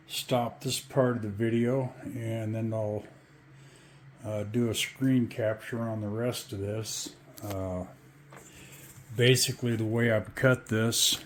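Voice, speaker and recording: A man giving a casual, halting show-and-tell tutorial in an informal, laid-back way. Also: fairly low pitch, a little hiss or hum. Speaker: DIY tutorial host.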